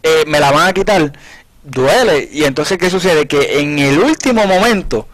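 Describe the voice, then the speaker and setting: A man with a fairly high voice teaching from the Bible in an earnest, conversational way. He retells scripture scenes as quoted dialogue and restarts his phrases often as he works through a point, heard on a radio Bible program. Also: lively intonation, normal speed, fairly bright tone, rough recording. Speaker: preacher on a Bible study program.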